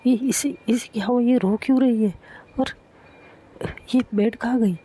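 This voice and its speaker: A woman plays a middle-aged mother in a spoken story, fretting over her family. Her questions come anxious and concerned, in a mellow, husky voice. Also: on the high side, unhurried, pitched above the performer's own voice. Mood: worried. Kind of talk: storytelling narration.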